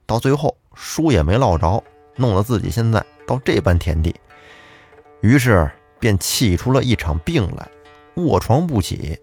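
A man's voice: fairly low pitch, very animated, normal speed, a little mellow, husky, faint music behind. A man telling a folk tale in a chatty way, speaking directly to the listener. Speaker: storyteller.

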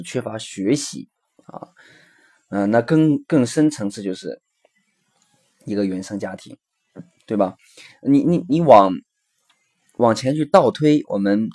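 A man's voice: medium pitch, a little mellow, breathy edge. A man hosting a recorded parenting lesson, explaining earnestly with frequent fillers and acting out the dialogue of his examples. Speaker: parenting educator and podcast host.

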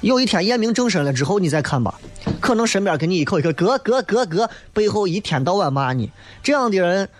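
Loud guitar music plays behind a male audio-show host who answers listener messages bluntly and teasingly in colloquial speech. His voice is high-pitched, animated and fast.

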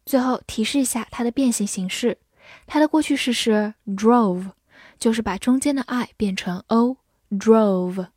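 A woman teacher giving a scripted vocabulary lesson, spelling words letter by letter and repeating them slowly. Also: fairly high pitch, a little mellow, breathy edge, no room sound, clean studio sound. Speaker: English teacher.

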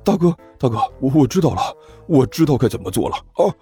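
A man's voice: mid-range voice, big pitch swings, fast, mellow, husky, faint music behind, voice pushed up. A man voicing a nervous young male sidekick who stammers and pleads. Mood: flustered.

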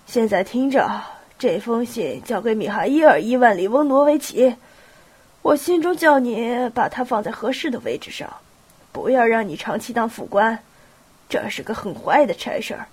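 A woman's voice: fairly high pitch, expressive, normal speed, slightly rough. A woman with a cold voicing a stern, abrupt elderly prince who gives clipped orders. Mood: commanding. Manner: curt, clipped commands, bursts into shouting. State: has a cold.

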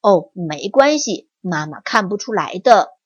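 A steady eldest mouse brother from a bedtime storybook, as a woman puts him on, talking slowly and calmly in a lowered voice. The sound is dry and a little dull. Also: no room sound. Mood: reassuring. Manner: calm, reassuring. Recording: dry, slightly muffled.

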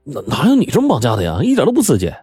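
A man doing a shrill, whiny rich teenage boy. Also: wildly swooping pitch, quick pace, slightly rough, dry recording, clean studio sound, soft background music, full character voice. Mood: petulant. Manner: shrill, yelling.

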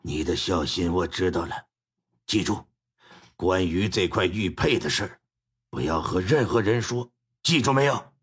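A man voicing a stern, ruthless county magistrate in a storyteller's performance, with a gruff, commanding manner. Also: low-pitched, moderate pace, pitched below the performer's own voice.

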